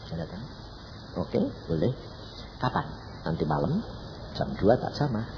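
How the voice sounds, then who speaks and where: A man's voice: deep voice, normal speed, background noise. A man in his eighties with a Javanese accent, preaching by telling a story and acting out its dialogues. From Indonesia. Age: 80s. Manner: animated, acts out dialogues, laughs often. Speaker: evangelist preacher. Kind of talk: storytelling sermon. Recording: reverberant hall, slightly dull sound.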